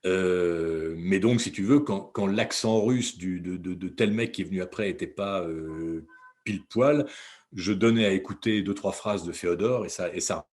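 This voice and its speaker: A man's voice: deep voice, moderate pace, a little mellow. A man, a voice actor and dubbing director, chatting in an interview in a rambling, self-correcting way. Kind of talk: casual interview talk.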